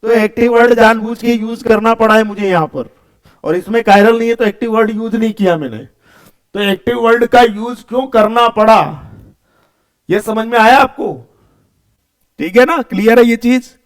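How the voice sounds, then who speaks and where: A man's voice: high voice, moderate pace. A man teaching a chemistry lecture, explaining step by step and asking his students questions that he then answers himself. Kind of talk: classroom lecture.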